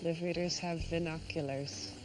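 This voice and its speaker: An actress playing an awkward young princess in a film, hesitant, rambling and flustered. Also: female voice, sits low, steady tone, normal speed, soft background music, lightly acted. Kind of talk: film acting. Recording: noisy outdoor film scene.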